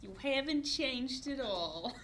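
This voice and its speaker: A woman's voice: high-pitched, animated, slow. A woman playing Buttercup, a guarded, sardonic young superhero, sarcastic and wary, in a comedic table read. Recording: faint background noise.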